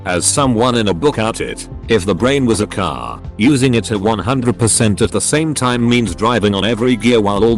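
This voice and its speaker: A man with a fairly low voice reads forum posts aloud as scripted narration, his pitch swinging widely from line to line. He reads abbreviations and punctuation marks out literally. Faint music plays underneath. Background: faint background music.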